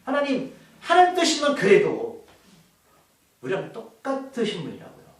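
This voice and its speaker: A man's voice: sits high, huge pitch swings, normal speed. A man preaching a sermon as pastor, asking the congregation questions as he goes. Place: church hall. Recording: echoey hall, voice from far off.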